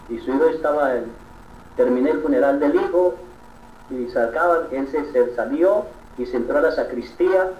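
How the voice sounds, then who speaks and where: Delivering a sermon, a priest speaks with sincere conviction and frequently stops to check on his audience. His rather high voice is captured from afar in an echoing space, and the audio is a bit dull with light background noise.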